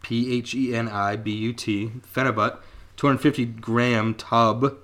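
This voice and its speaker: A man in his twenties reading a story aloud on a casual podcast, laid-back and quick to laugh, swearing freely. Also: medium pitch, fairly even intonation, a bit bright.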